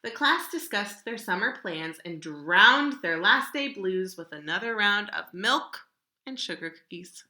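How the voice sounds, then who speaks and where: A woman reads a storybook aloud with a very bright, lively voice that moves widely in pitch. She is dramatic and draws out key words. The sound is roomy and echoing. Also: unhurried. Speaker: storybook reader. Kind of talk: children's picture book read-aloud.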